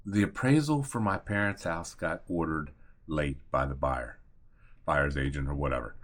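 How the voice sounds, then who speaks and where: A deep-voiced man in his fifties from Maryland tells a story straight to the camera. His talk is loose and conversational, with mild cursing and bits of remembered dialogue acted out along the way. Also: normal speed, a bit bright. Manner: conversational, mildly profane, acts out remembered dialogue. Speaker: real estate agent and attorney. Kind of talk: casual personal storytelling to camera.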